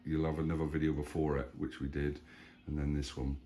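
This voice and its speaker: A man's voice: extremely low pitch, fairly quick. A man chatting casually as a family vlogger, rambling and easygoing. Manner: chatty, rambling, animated when retelling stories. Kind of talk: casual chat.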